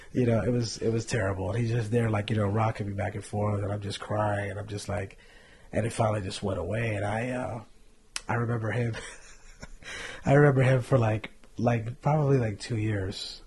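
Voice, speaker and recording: A man on a faith podcast sharing a candid personal testimony, earnest and reflective with soft trailing asides. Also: fairly low pitch, steady tone, normal speed, slight background noise.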